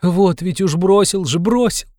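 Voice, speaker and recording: A man's voice: high voice, measured pace, a little mellow, no room sound, clean studio sound, voice pushed up. A man voicing a fervent, pleading young woman. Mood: anguished. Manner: exclaiming, pleading, trembling. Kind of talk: audiobook reading.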